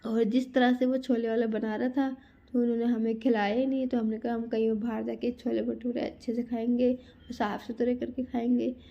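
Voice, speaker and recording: A woman's voice: fairly high pitch, level tone, normal speed, gravelly, mellow, lo-fi sound. A woman in her thirties telling a family outing story in a chatty casual vlog, talking straight to her viewers. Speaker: vlogger.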